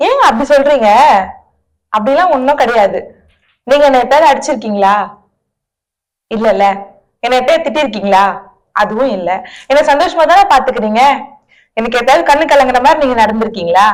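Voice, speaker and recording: A young woman acting in a comedy sketch, lively and sometimes sharply scolding. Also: fairly high pitch, fairly quick, pauses often. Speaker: comic sketch actor. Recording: echoey room.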